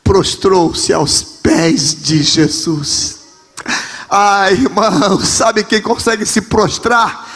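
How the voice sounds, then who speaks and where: A man with a fairly high voice and a Rio de Janeiro Brazilian Portuguese accent preaches a Pentecostal sermon, impassioned and often shouting as he repeats his phrases. His voice rings out through a large church sanctuary. Long reverb from the hall trails after every line. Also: fairly even intonation, extremely slow, breathy edge, faint music behind. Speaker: pastor.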